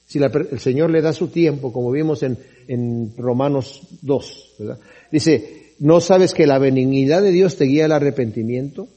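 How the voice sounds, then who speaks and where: Husky, mellow-voiced pastor preaching. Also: male voice, fairly high pitch, lo-fi sound. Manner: reads scripture aloud and explains it conversationally, often asking "right?". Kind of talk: sermon.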